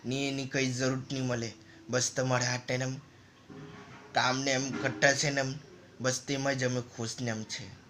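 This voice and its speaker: A man's voice: mid-range voice, little pitch movement, normal speed, a bit bright, slight background noise. A man casually narrating a story over a game, in loose, rambling and repetitive phrases. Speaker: gaming channel narrator.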